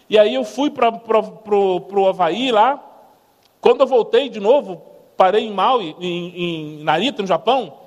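This man, a missionary speaker with a Brazilian Portuguese accent, gives a lighthearted church testimony in a high voice. He tells stories animatedly and mimics noises, and the sound suggests a big room.

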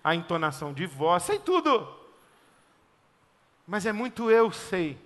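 A man's voice: high voice, sing-song, a little slow, a bit bright. A middle-aged man preaching a conversational sermon, emphatic and fond of rhythmic repeated lists. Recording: long hall reverb.

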